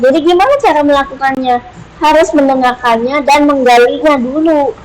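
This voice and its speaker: Halting, slightly high-voiced woman teaching Bible. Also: slight background noise, poor audio. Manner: unhurried, many hesitations, acts out prayers lively. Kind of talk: online Bible study teaching.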